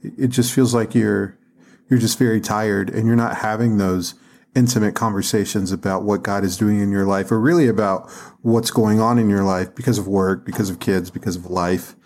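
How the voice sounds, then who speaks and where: A man's voice: fairly low pitch, fairly even intonation, normal speed, darkish tone. A man hosting a faith podcast, asking thoughtful questions and affirming his guest. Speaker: podcast host. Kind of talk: interviewing on faith and marriage.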